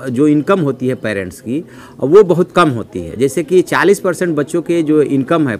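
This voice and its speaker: A middle-aged man giving a measured news commentary from a newsroom desk, reading figures from notes, with frequent "uh" fillers. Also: medium pitch. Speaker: news analyst. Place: newsroom office, indoors.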